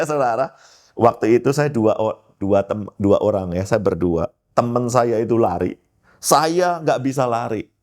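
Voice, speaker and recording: A man, a pastor, telling his life testimony in a lively storytelling way, often turning to address his listeners directly. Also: medium pitch.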